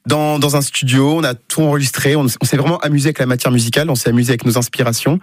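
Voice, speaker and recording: A man's voice: medium pitch, fairly even intonation, rapid-fire, no echo, clean studio sound. A man speaking informally and enthusiastically as a musician in a casual radio interview. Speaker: band musician, interview guest.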